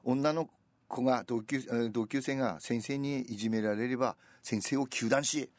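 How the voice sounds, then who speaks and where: A man in casual radio chat, telling stories with lively recitation of old rhyming verse. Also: mid-range voice, normal speed, no echo.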